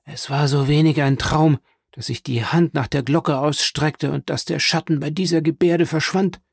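A man's voice: fairly high pitch, fairly even intonation, moderate pace, creaky, slightly rough, dry recording, clean studio sound. A man voicing a frail, stern old grandmother who speaks in an imperious, insistent way, in an audiobook reading.

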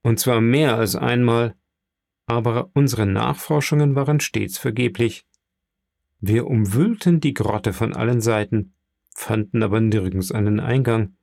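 A man's voice: medium pitch, unhurried, creaky, darkish tone, no room sound, clean studio sound. A man voicing a grown sailor who answers respectfully and evasively. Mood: confiding. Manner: respectful, addresses his listener formally. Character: adult male sailor, guarded and evasive.

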